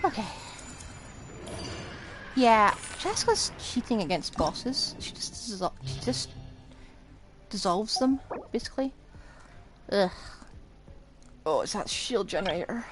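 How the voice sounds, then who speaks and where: A female game streamer gives casual, offhand live commentary as she plays, with video game music and combat sounds behind her. Her mid-range voice swings widely in pitch, and she speaks slowly with frequent pauses.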